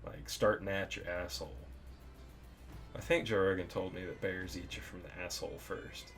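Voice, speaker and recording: A man with a lowish voice runs a casual comedic monologue. He is crude and self-amused, and he chuckles at his own gags in an offhand way. Faint music plays under him. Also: steady tone, normal speed, fairly bright tone. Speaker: video host reciting limericks.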